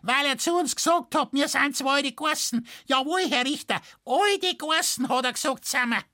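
A man voicing a furious older farmwife with a Bavarian accent, shouting in a shrill, screeching voice in a storybook reading. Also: normal speed. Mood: indignant. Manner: indignant, abusive outbursts.

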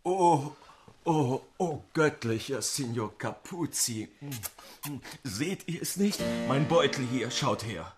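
A man putting on the voice of a fawning, sly male servant in a storybook reading, with high, wheedling exclamations. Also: lively intonation, slow. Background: guitar music.

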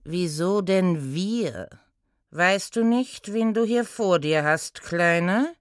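A woman voicing a big, stern male centaur inspector who talks in a low, curt, gruff way. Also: animated, slow pace, no room sound, studio quality. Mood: gruff impatient.

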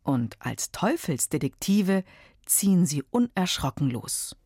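A woman's voice: lowish voice, big pitch swings, a little slow. A woman host speaking directly to young listeners, giving a friendly quiz tip between story parts.

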